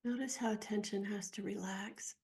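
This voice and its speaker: Guiding a meditation, a woman speaks in a gentle, unhurried way, with long silences between brief phrases. Her voice is soft and husky, mellow with a slight creak, medium in pitch and steady in tone.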